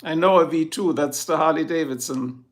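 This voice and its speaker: This middle-aged man hosts a livestream, speaking with a German accent as he casually answers viewer comments one at a time. He is chatty and chuckles frequently, with a fairly high voice at a normal pace.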